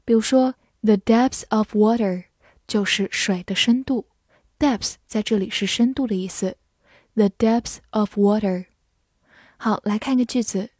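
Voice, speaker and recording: A woman gives a scripted vocabulary lesson at a slow, deliberate pace. Her voice is somewhat high but dark and mellow in tone, and the recording is dry and close. She spells each word out letter by letter and reads example sentences slowly, as if for students to repeat. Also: husky, no room sound. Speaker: English vocabulary teacher.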